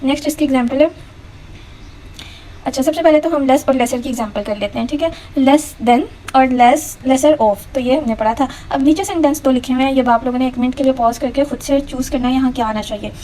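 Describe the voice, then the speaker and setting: A woman grammar teacher patiently explaining rules step by step and reading example sentences slowly. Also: high-pitched, dark tone, a little hiss or hum, poor audio. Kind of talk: explaining a lecture.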